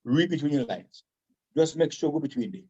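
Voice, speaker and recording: On muffled, lo-fi radio audio, a Vincentian man speaks briskly in a strikingly high, mellow yet husky voice with lively intonation. His casual talk is emphatic, and he keeps repeating phrases to hammer his point.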